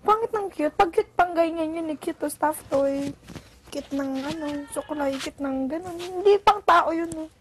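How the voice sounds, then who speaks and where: A woman's voice: very high voice, moderate pace, slight background noise. A young woman vlogger in casual gossip chat, giggling and retelling stories with animation.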